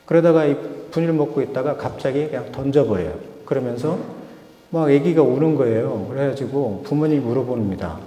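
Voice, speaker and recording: A man's voice: mid-range voice, a little fast, warm tone. A male pastor giving a sermon in a church, telling jokes and anecdotes. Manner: joking, anecdotal storytelling. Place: church sanctuary. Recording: echoey church hall with long reverb.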